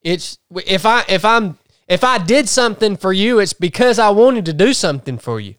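A man's voice: high voice, expressive, moderate pace, a bit bright, clear, resonant tone, dry recording, studio quality. A man hosting a podcast, ranting bluntly and restarting his sentences. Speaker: podcast host. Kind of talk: casual chat.

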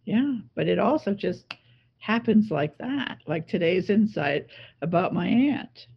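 A woman's voice: medium pitch, animated, measured pace, creaky, slightly rough, dull audio. A woman speaking as a coach and interview guest, teaching conversationally in an emphatic, reflective way with repeated phrases.

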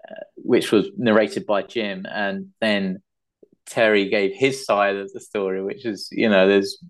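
A man's voice: fairly low pitch, level tone, measured pace. A man chatting as a podcast guest, enthusiastic but hesitant, with many fillers. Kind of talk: casual chat.

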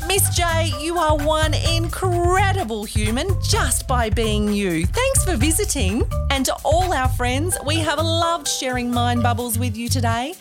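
A woman's voice: sits high, animated, measured pace, few pauses, loud music behind the voice. An Australian woman hosting a podcast for young children, speaking in a broad, exaggerated, encouraging singsong like children's theatre.

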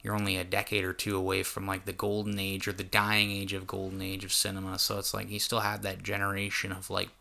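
A man's voice: low-pitched, completely flat delivery, brisk, creaky, few pauses, sharp tone. A young man chatting as a podcast guest, rambling with lots of restarts and frequent swearing. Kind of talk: casual chat.

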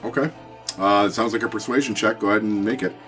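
Male game master, deep-pitched, casual tabletop narration with music underneath. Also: steady tone, quick pace, a bit bright.

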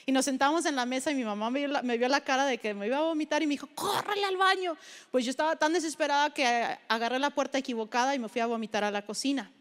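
A middle-aged woman from Mexico preaches a sermon in a high, light voice. She tells a childhood story with animated delivery and briefly acts out her family's voices before returning to scripture. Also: very fast, few pauses.

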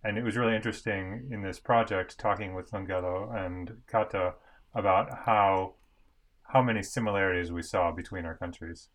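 A man from the United States with a very deep voice speaks as an interview guest. He talks thoughtfully, pausing and restarting as he explains his reporting. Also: fairly even intonation, a bit bright. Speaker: photojournalist.

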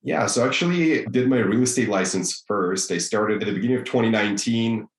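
A man's voice: on the low side, brisk, roomy sound, low-quality recording. A man in his thirties from Russia, a native Russian speaker, easygoing as he tells his story as a podcast guest. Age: 30s. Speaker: guest, mortgage broker. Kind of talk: interview answers.

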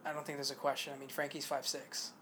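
A man's voice: mid-range voice, little pitch movement, quick pace, background noise. A man co-hosting a podcast, talking in a rambling, hesitant way with many fillers. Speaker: podcast co-host. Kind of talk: casual sports chat.

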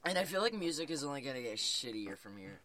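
Laid-back young man, lively pitch. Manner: halting, restarts, laid-back. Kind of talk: casual chat.

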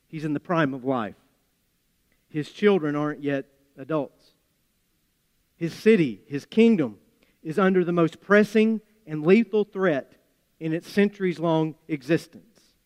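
A man with an Appalachian accent preaching a sermon, speaking in measured, deliberate phrases with folksy turns. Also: fairly high pitch. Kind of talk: sermon with scripture reading and storytelling. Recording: reverberant hall.

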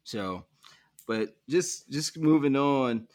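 A man hosting a conversational interview, gently prompting his guest with questions, with fillers along the way. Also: mid-range voice, expressive, slow. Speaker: interview host.

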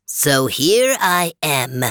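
A small green storybook frog, polite and patient, voiced by a woman who drops into a deep, unhurried register. He talks slowly and low, over a dry, close sound with no room echo. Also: big pitch swings, fairly bright tone, exaggerated voice. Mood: calm, earnest.

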